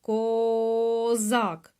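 A woman's voice: on the high side, monotone, extremely slow, warm tone, a little hiss or hum. A woman with a Ukrainian accent teaching small children to hear the sounds in words, drawing out each sound and repeating every word. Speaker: preschool teacher. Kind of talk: slow phonics lesson for small children.

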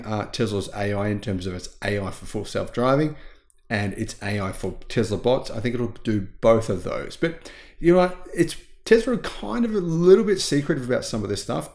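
A man's voice: mid-range voice, darkish tone. A man in his forties hosting a tech news channel from a small home studio, talking with emphatic enthusiasm and stretching key words. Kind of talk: casual news commentary.

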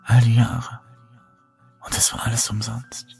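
A woman's voice: a bass voice, completely flat delivery, unhurried, vocal fry, dark tone, soft background music, voice pushed up, exaggerated voice. A man voicing a pale, exhausted young woman in a whispered role-play, speaking barely above a whisper and sounding weary and afraid. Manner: faint, weary and fearful. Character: exhausted hollow ghostly young woman, fearful.

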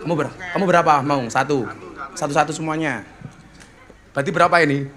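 Bright-voiced Javanese man preaching. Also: fairly high pitch, fairly even intonation, fast. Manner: joking, teasing banter with guests. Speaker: preacher hosting a religious gathering. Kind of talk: lively sermon storytelling to a crowd.

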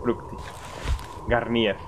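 A man with a Spain Spanish accent runs through a horror game live, muttering to himself, cursing and jumping at every scare. His voice sits at an ordinary middle pitch. A loud background noise runs under the whole recording. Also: level tone, very slow. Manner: jumpy, swears often, talks to himself while playing. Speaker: streamer. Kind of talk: live gameplay commentary.

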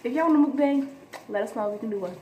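A woman's voice: on the high side, very fast, dark tone, reverberant, slight background noise. A teenage girl chatting casually with friends for a vlog on a phone camera, giggly and talking over the others. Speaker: vlogger. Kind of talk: casual chat. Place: outdoors near apartments.

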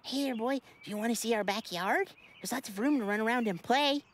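A man voicing a curious, excitable young boy in a children's puppet show, eager and giggly. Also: very high voice, brisk, very noisy. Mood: excited.

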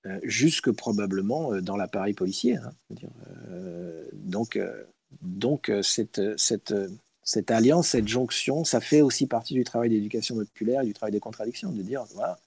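A man speaking as a guest on an online call, telling stories with many pauses and restarts through an earphone mic. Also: on the low side, expressive, gravelly, darkish tone, slightly rough, dry recording. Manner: hesitant, many restarts and "euh", storytelling. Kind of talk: casual online talk, answering questions. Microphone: earphone headset mic.

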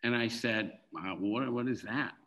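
Speaking unhurriedly in a mid-range voice, a middle-aged film director, appearing as a guest on a video call, tells casual, animated stories and acts out the dialogue in them. The recording is rough.

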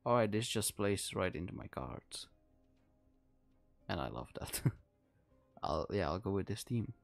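A man from the Czech Republic, speaking with a Czech accent, streams a game live and muses aloud in rambling, casual commentary while game music plays. He talks unhurriedly in a low, sing-song voice with vocal fry.

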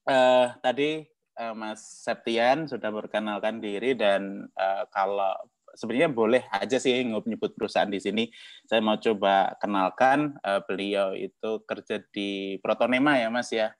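A man's voice: on the low side, measured pace, no echo. Laughing man hosting a chat. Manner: jokey, laughs often, many fillers. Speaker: host. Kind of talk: casual livestream chat.

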